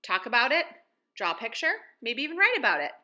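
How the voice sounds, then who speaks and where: Reading aloud to kids from a room at home, this woman in her thirties teaches like an elementary school teacher, encouraging them with plain, direct questions. She speaks quickly in a slightly high, sing-song voice that sounds pushed and bright.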